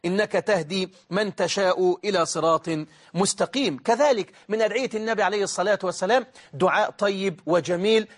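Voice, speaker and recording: A man with an Egyptian accent preaches in a high, quick voice. He recites formal prayers fervently, then drops into casual colloquial asides to his listeners. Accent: Egyptian Arabic. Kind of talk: televised religious lesson.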